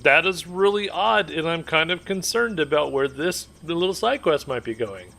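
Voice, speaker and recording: A man's voice: fairly high pitch, animated, moderate pace, vocal fry, sharp tone. A man streaming a video game, making joking, sarcastic asides as he plays. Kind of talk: live game commentary.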